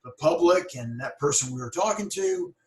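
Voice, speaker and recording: An animated man with a voice on the high side hosts a conversational interview podcast at normal speed. He stumbles and restarts words while staying thoughtful and encouraging, captured in a roomy recording a little away from the mic.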